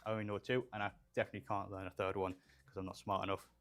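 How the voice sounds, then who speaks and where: Deep, creaky, and rapid-fire, this young adult man speaks with little pitch movement as he builds a PC on a livestream in a small studio room with shelves. He's from Poland, raised in England, and rambles casually with fillers while reading the live chat aloud.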